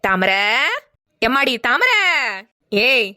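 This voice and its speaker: A woman's voice: on the high side, sing-song, extremely slow, sharp tone, exaggerated voice. A woman voicing a mischievous elderly grandmother in a cartoon, teasing and rustic in manner. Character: mischievous elderly grandmother who fakes fainting. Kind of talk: cartoon voice acting.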